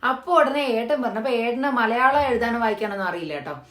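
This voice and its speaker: A woman's voice: fairly high pitch, fast talker, a bit bright, reverberant. A woman from Kerala vlogging casually, explaining things step by step with lots of fillers. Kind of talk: casual storytelling vlog. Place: living in Hyderabad.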